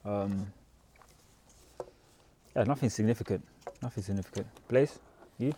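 Low, mellow-voiced man on a podcast. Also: a little slow, slight background noise. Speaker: podcast co-host. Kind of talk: casual podcast chat.

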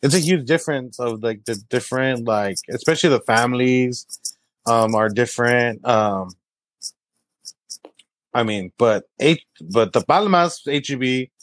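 A young man chats casually, piling up fillers and slipping into quick mimicry of people he knows. His voice sits in a middle pitch. The sound is close and dry. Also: no echo. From San Antonio, Texas. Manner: animated storyteller, many fillers, quick high-pitched mimicry of others. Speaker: guest, comedy creator. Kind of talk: casual chat.

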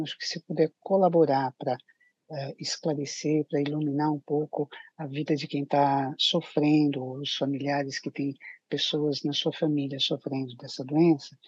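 A woman with a Brazilian accent explaining things as a psychiatrist guest, halting and restating her phrases. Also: low-pitched, darkish tone, slightly rough, dry recording. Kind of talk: explanatory interview talk. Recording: dull, muffled lo-fi audio.

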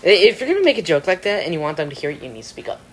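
Talking very fast in a fairly high voice with big swings in pitch, a young man chats loosely during a game. He laughs a lot and drifts off mid-sentence, and there's a little hiss or hum.

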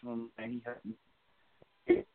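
A man's voice: mid-range voice, steady tone, no room sound. Guy calling in on a choppy phone line thats breaking up, tinny sound, slangy rambling talk. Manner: slangy, meandering, halting. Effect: call audio breaking up. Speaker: caller. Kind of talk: casual chat.

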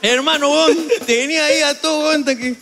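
A Peruvian man co-hosting a comedy podcast, laughing loudly and often and cursing casually as he talks. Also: very high voice, fairly even intonation, fairly quick. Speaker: podcast co-host. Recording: reverberant room with faint noise.

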